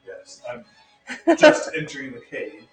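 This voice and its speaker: A man playing a tabletop game, casual and halting, with fillers and laughs. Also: mid-range voice, sing-song. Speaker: player. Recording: roomy sound with background music.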